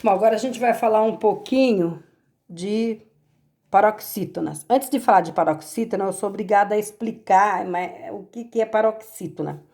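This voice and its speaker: A woman's voice: mid-range voice, normal speed, mellow. A Brazilian woman teacher patiently going over homework corrections, explaining step by step and checking in with her pupils. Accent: Brazilian Portuguese.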